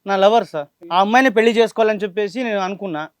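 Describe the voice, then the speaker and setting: A husband answering on a family dispute show, defensive and evasive. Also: male voice, high voice, rapid-fire, smooth, no room sound, studio quality.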